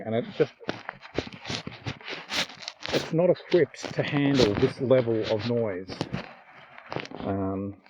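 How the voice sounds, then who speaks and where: A man chatting casually and haltingly as he rides a motorbike, recorded on a lav mic inside his helmet with wind on the mic. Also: mid-range voice. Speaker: motovlogger. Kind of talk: casual rambling vlog while riding a motorbike. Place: outdoors, riding a motorbike on gravel road. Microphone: lav mic with deadcat inside helmet cheek pad. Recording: dull lav mic, loud engine and wind noise. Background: loud motorbike and wind noise.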